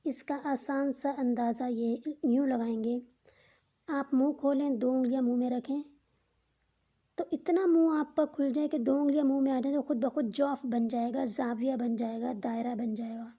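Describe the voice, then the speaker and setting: A woman teaching a step-by-step Quran recitation lesson, speaking slowly and deliberately and drawing out each letter sound as an example. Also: high voice, steady tone, mellow, slightly rough. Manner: patient, explains each rule twice in simpler words.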